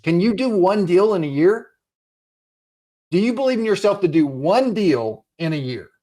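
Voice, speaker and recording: A man coaching real estate investors, giving an urgent, encouraging sales pitch and repeating his phrases. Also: lively intonation, moderate pace, dark tone.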